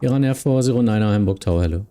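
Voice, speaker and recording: Mellow male streamer working as tower controller. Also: on the low side, very fast, faint music behind. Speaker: live streamer playing tower air traffic controller. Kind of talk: procedural clearances mixed with casual stream chat.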